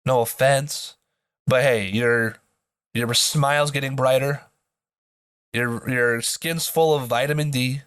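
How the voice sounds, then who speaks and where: A man's voice: medium pitch, fairly even intonation, slow, pauses often, a bit bright, clear, resonant tone, dry recording, clean studio sound. A man hosting a sports podcast in casual commentary, his voice nasal from a blocked nose, as if pinching it, with joking asides.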